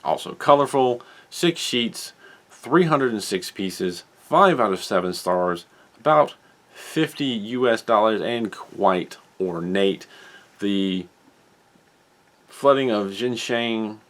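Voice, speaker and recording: Man, lowish voice, casual solo commentary, rambling, self-correcting. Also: lively intonation, takes it slowly, a bit bright. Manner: rambling, self-correcting, reads out model specs. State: has the hiccups. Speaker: hobby channel host.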